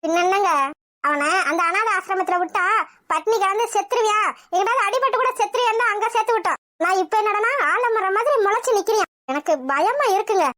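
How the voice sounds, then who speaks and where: A fretful, grasping cartoon mother afraid of losing the family house. The voice is very high and squeaky and rattles along fast. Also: a bit bright. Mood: anxious. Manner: pleading, fretful. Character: anxious greedy middle-aged mother, fretful. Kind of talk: animated cartoon voice acting.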